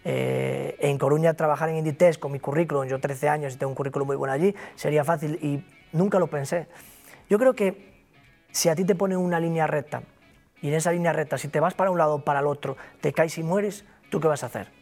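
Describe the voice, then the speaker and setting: A fairly high, creaky voice with a darkish tone comes from a Galician man, founder of a broker company, guesting in an interview. He talks fairly quickly, with faint music behind, and his Galician Spanish accent shows. His delivery is emphatic and motivational, full of repetition.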